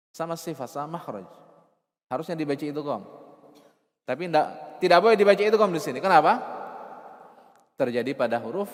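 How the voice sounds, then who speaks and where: Man teaching in a reverberant hall. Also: a little high. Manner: explanatory, repeats key terms, rhetorical questions, drawn-out chanted verse. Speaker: Arabic and Quran recitation teacher. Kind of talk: explaining recitation rules, sometimes chanting verses.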